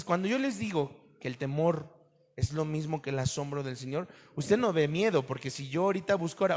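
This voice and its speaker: Animated man preaching in a reverberant hall. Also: on the high side. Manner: animated preaching to a congregation, asks questions. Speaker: pastor. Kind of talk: sermon.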